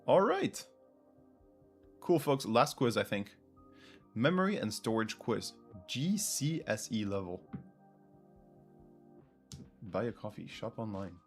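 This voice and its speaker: Hosting a casual quiz on his livestream, a Frenchman with a native French accent chats with viewers and thinks out loud. His fairly low voice swings widely in pitch, and he speaks slowly with long pauses while faint music plays behind him.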